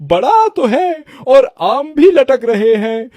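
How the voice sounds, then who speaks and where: Callous woodcutter voiced by a man; squeaky-high, lively pitch, dry close sound. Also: slow, no echo, heavily acted. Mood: greedy blunt. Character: greedy, callous male woodcutter with an axe. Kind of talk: cartoon voice acting.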